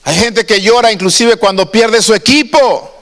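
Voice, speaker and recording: A man's voice: sits high, moderate pace, fairly bright tone, in a large hall. A man preaching a sermon to his congregation. He talks in a conversational way and often asks his listeners questions. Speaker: pastor. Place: church.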